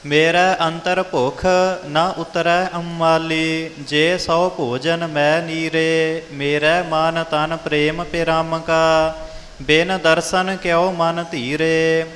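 A man reciting scripture in a measured sing-song chant, pausing between lines for correction. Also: on the high side, flat delivery, fairly bright tone, big-room sound, slight background noise.

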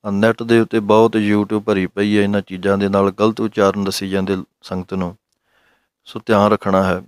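Male teacher, low and steady, smooth clear tone, dry close sound, slow careful diction. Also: no room sound. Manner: slow, careful, instructive, recites lines slowly then explains. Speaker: Gurbani pronunciation teacher. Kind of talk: recitation lesson.

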